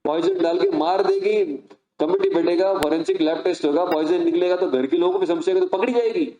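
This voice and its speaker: A man's voice: high-pitched, fast, warm tone, lo-fi sound, natural voice. A man voicing a brother who is a pharmacist, lecturing and teasing his sister, in an echoey room.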